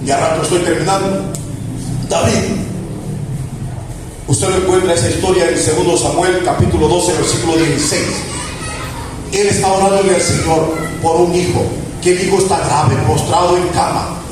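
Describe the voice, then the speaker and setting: A man's voice: high voice, steady tone, moderate pace, long pauses. A man preaching a sermon. He is emphatic, repeats key phrases and stretches words for emphasis. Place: church hall. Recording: echoey church hall, distant mic, background noise.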